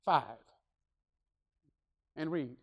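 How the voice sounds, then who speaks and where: A woman's voice: low voice, extremely slow. Woman preacher, emphatic, repetitive, call-and-response sermon.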